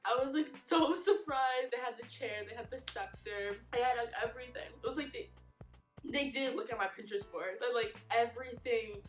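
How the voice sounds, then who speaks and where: A teenage girl retelling her surprise party in an animated, giggly storytime vlog. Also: fairly high pitch, normal speed. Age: teens. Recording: echoey room with music behind.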